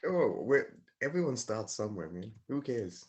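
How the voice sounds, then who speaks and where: A man's voice: lowish voice, very animated, normal speed, husky. A young man co-hosting a podcast, easygoing and laughing often in casual chat. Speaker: podcast co-host.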